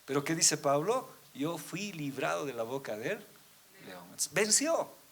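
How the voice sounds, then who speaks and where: A man delivers a sermon to his church, calling them brothers and firing rhetorical questions. His fairly high voice ranges widely, rising to loud emphatic peaks before sinking to quiet, low endings. Scripture passages come slower and deliberate. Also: sing-song, breathy edge. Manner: addresses listeners as brothers, asks rhetorical questions; reads scripture aloud, often slowing down. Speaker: pastor.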